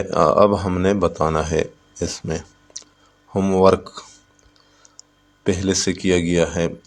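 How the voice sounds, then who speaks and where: Guy teaching class, super slow, low voice, reads english then explains it again. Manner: repeats words to drill syllables. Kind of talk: textbook lesson explanation.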